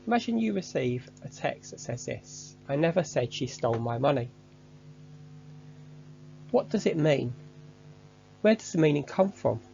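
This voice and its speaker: A man giving a measured, structured, scripted online lesson as a course instructor. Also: a little high, very animated, creaky, warm tone, muffled recording, a little hiss or hum.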